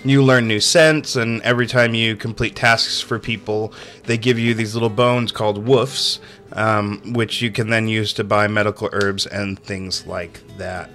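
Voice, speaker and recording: A man's voice: on the low side, fairly even intonation, a little slow, a bit bright, soft background music. A man giving a casual, sarcastic video game review voice-over, chatty and amused, often breaking into laughter. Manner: sarcastic, chatty with many fillers.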